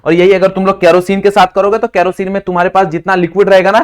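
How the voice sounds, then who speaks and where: A man teaching physics in a lecture style with a slight lisp, who keeps quizzing students with quick questions and calls them brother. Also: high-pitched, little pitch movement, smooth. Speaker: physics tutor. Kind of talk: classroom lecture mixing Hindi and English.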